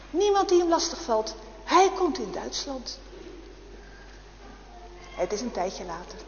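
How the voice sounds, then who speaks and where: A woman telling a story in a lively, expressive way, speaking directly to her listeners. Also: sits high, slight background noise. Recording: echoey hall, dull lo-fi.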